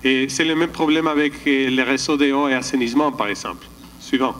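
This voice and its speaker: A man's voice: medium pitch, steady tone, fairly quick, fairly bright tone, slight background noise, low-quality recording. A man giving a slide presentation at a conference, hesitant, often restarting and searching for words. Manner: calls for the next slide.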